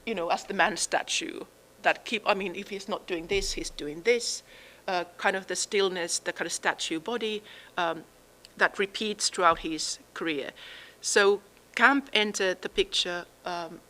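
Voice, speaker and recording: A woman giving a partly improvised academic talk, pausing to search for words, then stating opinions emphatically. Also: medium pitch, bright, forceful tone. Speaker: lecturer presenting own book research.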